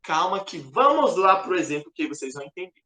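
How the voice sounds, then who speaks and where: A man's voice: high voice, big pitch swings, fairly quick, bright, forceful tone. A man teaching a chess lesson, patient and repetitive as he points at the board. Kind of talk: explaining a lesson over a board. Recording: echoey room.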